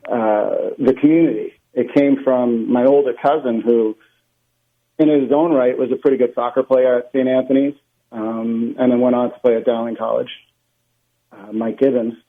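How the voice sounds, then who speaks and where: A man from Long Island joins the interview over a thin, phone-like line with a narrow, tinny sound. He speaks at a middling pitch, relaxed and a little hesitant, filling pauses with "um" and "you know.". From Long Island, New York. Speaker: guest, sporting director. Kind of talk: casual interview. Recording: phone-like remote call line.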